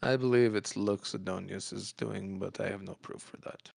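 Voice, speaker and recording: A man voicing a stern, disdainful authority figure in a tabletop game, booming and pompous as he lectures. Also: fairly even intonation, normal speed, creaky, a little mellow, slightly rough, no echo, clean studio sound, full character voice. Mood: grave, condescending.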